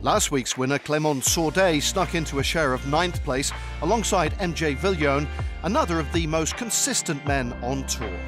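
A man reading scripted golf commentary as the presenter of a highlights programme. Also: animated, normal speed. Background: music.

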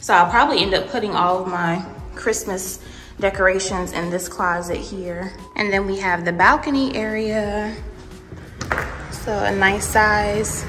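Walking through an empty apartment with her phone camera in hand, a young woman in a mid-range voice chats straight to her audience as she shows off the kitchen and bare rooms. Her casual vlogging style is animated and peppered with "y'all" and "honey." The sound bounces around the empty space with a long reverb.

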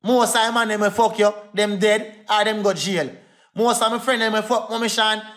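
A man's high-pitched, steady, slightly bright voice carries a Jamaican Patois accent as he rants on a phone livestream. He is angry and quick, hurling repeated insults.

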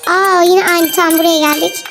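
Young mom, super high voice, chatty and soothing, coaching her kid through a game, game music playing under her. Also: fairly even intonation, moderate pace. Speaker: mother coaching her child through a game, channel host. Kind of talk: casual gameplay commentary to viewers.

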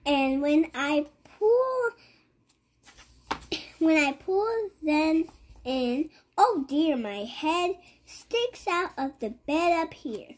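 A child reads a picture book out loud in a high voice, going extremely slowly while the pitch rises and falls in a lively way.

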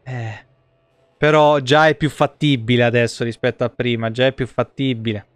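This man in his thirties has a mid-range voice with fairly even intonation and a moderate pace, and the recording is dry. Streaming from a desk in an indoor room, he gives live commentary on his game, griping and cursing in casual chat.

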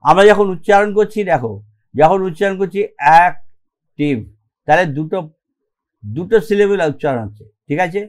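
A man with a high-pitched voice and a Bengali accent teaches grammar online. He explains patiently one step at a time, slips English terms into his speech and keeps asking "okay?" to check his students follow. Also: animated, a little fast, a little mellow.

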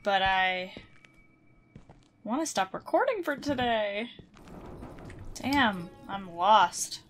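A woman's voice: mid-range voice, lively intonation, slow pace, fairly bright tone, soft background music. A young woman giving casual, exasperated horror game commentary from her room at home. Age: young adult. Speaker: gamer, host of a let's play. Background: horror game ambience and machine noise.

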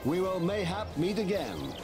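A veteran army captain from a fantasy game, grim and earnest. He declaims in mock-biblical, old-fashioned formal phrases with a very animated pitch. Clear music plays behind him. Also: unhurried. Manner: mock-archaic, quasi-biblical formal speech. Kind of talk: scripted fantasy game dialogue.

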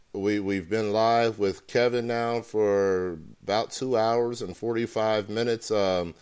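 Male talk-show host, lowish smooth voice, hesitant, full of ums. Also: darkish tone. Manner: hesitant, many ums and uhs. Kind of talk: live internet talk show.

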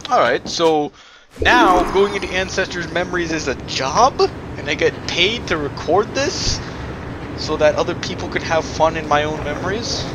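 A man's voice: fairly high pitch, normal speed, background noise. Rambling young-sounding gamer guy. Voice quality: rambling, uses lots of "like" and "I guess". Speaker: gamer playing a video game. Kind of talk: casual let's-play commentary.

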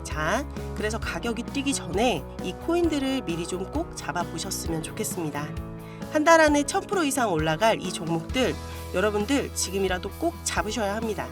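Over music that comes through clearly, a video host with a mid-range voice reads a scripted promo. She addresses her audience directly, sincere and persuasive.

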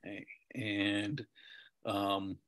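A man's voice: fairly low pitch, flat delivery, drawn-out words, fairly bright tone. A middle-aged man hosting a video Q&A, reading out audience questions with many hesitant ums. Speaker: host. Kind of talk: moderating a video Q&A.

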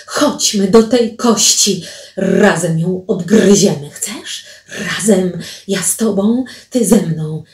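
A woman voicing a dreamy, feverish young maiden who talks in a breathy, coaxing way. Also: medium pitch, slow pace. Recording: roomy, distant mic.

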